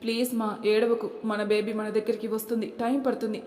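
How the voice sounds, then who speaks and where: A woman reading the lines of a gentle young husband who soothes his wife, in a room with a long echo. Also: a little high, level tone, brisk, close to an everyday voice. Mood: soothing. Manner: soft, reassuring. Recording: echoey room with long reverb.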